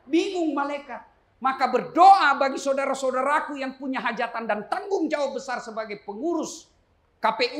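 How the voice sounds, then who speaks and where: Animated preacher man in an echoey hall. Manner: animated, jokes, swings between loud high emphasis and low asides, questions the audience. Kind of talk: humorous sermon to a live audience.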